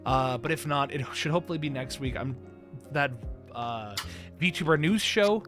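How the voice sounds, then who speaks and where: A man's voice: fairly high pitch, expressive, normal speed, music in the background. A man hosting a livestream, chatting casually in a rambling, self-interrupting way. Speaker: stream show host.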